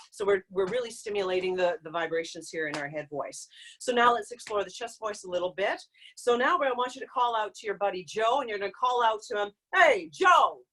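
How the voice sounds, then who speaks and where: A woman vocal coach leading a live online group singing lesson, explaining exercises and breaking into loud demonstration hoots and calls. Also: mid-range voice. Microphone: video call.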